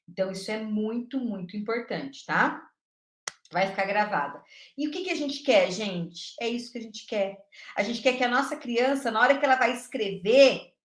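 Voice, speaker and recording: A woman educator giving an animated live online class, speaking emphatically and checking in often with her viewers. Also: fairly high pitch, reverberant. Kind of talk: lively live-stream teaching talk.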